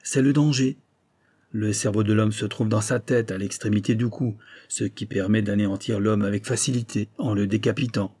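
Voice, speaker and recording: A man playing a cold, dismissive old billionaire in a storybook reading. He speaks in terse, clipped phrases with flat disdain. The voice is mellow and slightly husky. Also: fairly low pitch, moderate pace, no echo. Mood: grave. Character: cold, curt American billionaire, older man.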